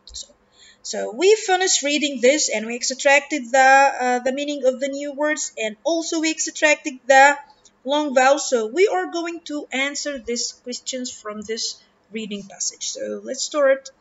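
A woman with an Arabic accent teaching an English reading lesson, speaking slowly and deliberately and stretching out words for her pupils. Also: high voice, dull audio. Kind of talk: recorded online lesson.

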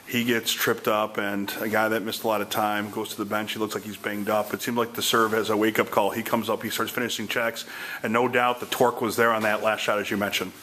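Brisk, flat-toned sports interviewer. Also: male voice, lowish voice, slight background noise. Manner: brisk, scripted-sounding lead-ins to questions. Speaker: team broadcaster interviewer. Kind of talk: post-game interview questions.

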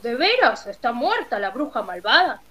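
A woman's voice: on the high side, big pitch swings, normal speed, a bit bright, a little hiss or hum, rough recording. Storybook: a woman reading a timid old wizard man, nervous and begging. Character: frightened old male humbug wizard.

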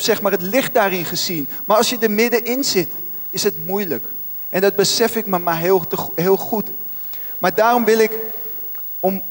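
A man preaching a sermon in a church, impassioned and emphatic, rising into pleading questions. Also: sits high. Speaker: pastor. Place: large church hall. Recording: church hall reverb.

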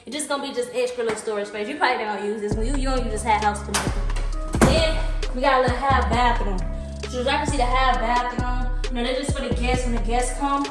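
A woman's voice: fairly high pitch, fairly quick. A woman in her twenties giving a casual, slangy house tour vlog, calling out to viewers and hyping each room. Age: 20s. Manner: hype, slangy, addresses viewers as y'all. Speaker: vlog host. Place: empty house, indoors, bare rooms. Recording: echoey empty rooms with loud music.

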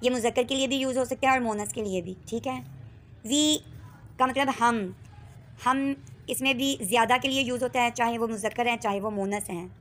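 A woman teacher with a Pakistani accent giving a textbook lesson, reading English words and sentences slowly and clearly, then explaining them. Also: a little high, fairly bright tone, slight background noise.

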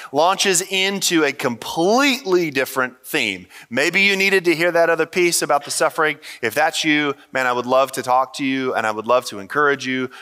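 A pastor preaching a sermon to his church in an earnest, conversational way, pausing often to talk straight to his listeners. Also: medium pitch, pushed and bright, in a large hall. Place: church stage.

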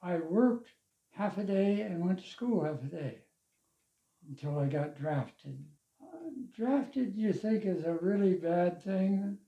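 An older man with a high-sitting voice and some vocal fry reminisces in a relaxed interview, slowly telling stories of his life and church work and chuckling every so often. A longtime church member, he's seated in an armchair in his living room, and the lavalier mic produces a roomy, slightly dull recording.

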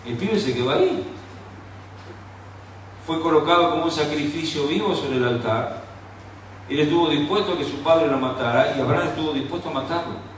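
A man preaching a sermon with a Rioplatense Argentine accent, moving between quiet storytelling and fervent, raised preaching. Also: fairly high pitch, normal speed, long pauses, slight background noise. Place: church hall. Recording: echoey church hall, distant mic.

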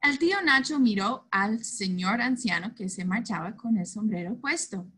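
Brief: woman storyteller, clear bright tone, relaxed read-aloud with small self-corrections. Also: mid-range voice, moderate pace. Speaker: storybook reader. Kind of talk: reading a children's picture book aloud.

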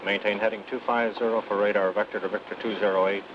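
A man's voice: fairly low pitch, level tone, fast talker. A man working as a departure controller, giving air traffic radio instructions. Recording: muffled radio transmission, noisy background.

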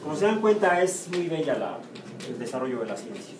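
A man's voice: a little high, fairly quick, noisy background. Man, Mexican Spanish accent, professor, classroom lecture, asks and answers his own questions, distant mic, echoey room. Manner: lively, chatty, asks the class questions and answers them himself. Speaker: university biomathematics professor. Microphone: room or camera mic from a distance.

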